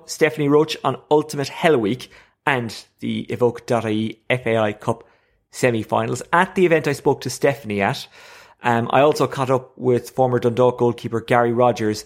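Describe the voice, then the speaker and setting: A man with an Irish accent presenting a sports podcast conversationally, explaining with emphasis and posing his own questions. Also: lowish voice.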